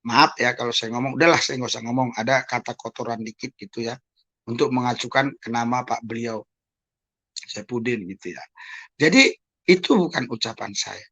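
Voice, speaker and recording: A man's voice: medium pitch, moderate pace, bright, forceful tone. A man hosting his own channel, answering accusations in a monologue to his viewers, repeating pointed rhetorical questions. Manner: addresses listeners as "Saudara". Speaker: YouTube channel host.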